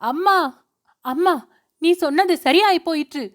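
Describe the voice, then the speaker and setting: Woman playing a panicked young wife, high, wailing, sobbing, audiobook. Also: expressive, moderate pace, a bit bright. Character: terrified, hysterical young wife.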